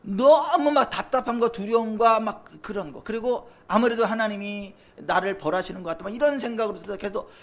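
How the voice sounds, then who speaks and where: Impassioned high-voiced male pastor. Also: fairly quick, hardly any pauses. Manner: impassioned, swings from loud cries to near whispers. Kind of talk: sermon. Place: church sanctuary.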